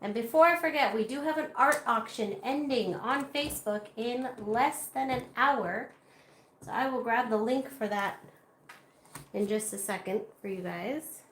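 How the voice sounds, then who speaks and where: A woman hosts a casual art livestream, chatting with viewers as she crafts, her voice slightly congested. She speaks at a fairly high pitch and unhurriedly. The room sounds roomy, with faint noise.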